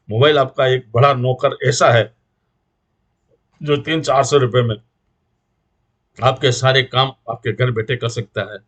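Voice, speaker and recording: This middle-aged man from India speaks Hindi with a Rajasthani accent at a medium pitch. Invited as a guest speaker, he makes an earnest moral appeal to the community, preaching through rhythmic, repeated lists.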